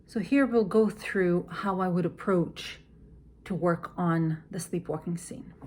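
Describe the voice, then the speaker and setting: Slow, measured woman teaching opera text. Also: lowish voice. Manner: measured, explanatory, often drops to a soft near-whisper. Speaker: opera singer. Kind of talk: teaching walkthrough.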